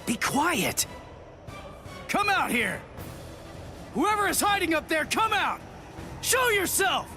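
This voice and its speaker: Casting: brash teen anime game hero, fairly high voice with big swings, blunt, music behind. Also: male voice, big pitch swings, normal speed, fairly bright tone. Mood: commanding. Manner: blunt, impatient. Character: brash, impatient, determined teenage male swordsman hero. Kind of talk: anime game dub acting.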